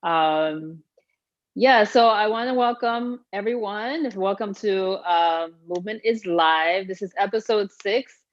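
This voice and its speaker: A woman's voice: medium pitch, unhurried, dry recording, highs cut off. Woman host, fitness coach, casual chat, dry close sound, many ums and laughs. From Haiti. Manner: chatty, laughs often, many fillers. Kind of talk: casual live-stream interview.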